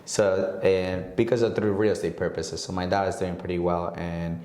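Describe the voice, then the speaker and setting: A young man from Honduras with a very low, deep voice tells his story in a relaxed, conversational way. He slips into quoted dialogue and laughs easily. The recording sounds echoey, as if made in a bare room. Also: moderate pace. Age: 20s. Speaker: guest real estate agent. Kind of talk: casual podcast interview.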